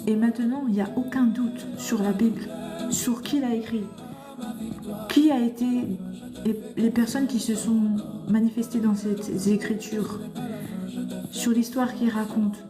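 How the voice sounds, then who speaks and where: A woman's voice: on the high side, fairly even intonation, measured pace, reverberant, music in the background. A woman preaching fervently on a live stream, scolding her listeners and firing rhetorical questions at them. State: tearful. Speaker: livestream host. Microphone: phone.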